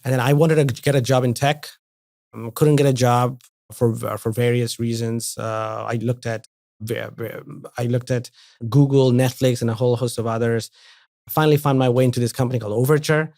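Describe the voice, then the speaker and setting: A man's voice: medium pitch, fairly even intonation, normal speed, a little mellow, dry recording, clean studio sound. A man from India in his forties, a guest talking casually in an interview, often restarting and repeating words. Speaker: venture investor, podcast guest.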